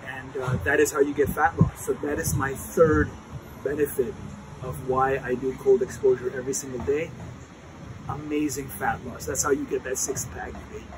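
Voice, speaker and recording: A man's voice: mid-range voice, little pitch movement, moderate pace. A man in his thirties explains things casually and emphatically for a vlog while sitting in ice cold water outdoors, starting to shiver. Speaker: health vlogger. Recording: clear outdoor ambient noise.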